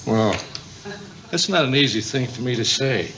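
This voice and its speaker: A man's voice: mid-range voice, expressive, moderate pace, close to an everyday voice. An actor in his fifties playing a vain, childish, needy boyfriend in a 1970s sitcom, theatrical and blustering. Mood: grudging, awkward. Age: 50s. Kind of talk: 1970s multi-camera sitcom acting. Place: TV studio set, indoors. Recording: noisy vintage TV studio soundtrack.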